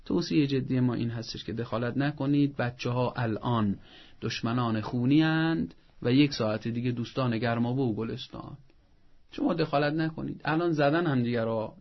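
A man's voice: mid-range voice, lo-fi sound. A man speaking as a parenting expert, giving earnest advice and acting out parents' scolding. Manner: didactic, earnest, acts out parents' scolding in a raised voice. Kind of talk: advice talk on a show.

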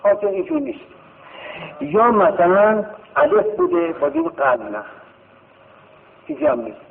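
A man teaching grammar, chanting verb paradigms in a slow sing-song that swoops from high to low. His fairly high voice has a gravelly edge. It comes through thin and phone-like, with a long echo as though from a large hall. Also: wildly swooping pitch, a little hiss or hum. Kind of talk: classroom lesson, chanting verb conjugations. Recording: tinny phone-like sound in a reverberant hall.

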